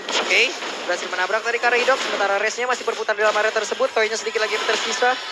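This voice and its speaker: An Indonesian man works as a hype fighting game announcer in a very high-pitched voice. He races through the play-by-play, shouting and stretching names at key moments, over heavy background noise. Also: fairly even intonation, very fast. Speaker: esports match caster.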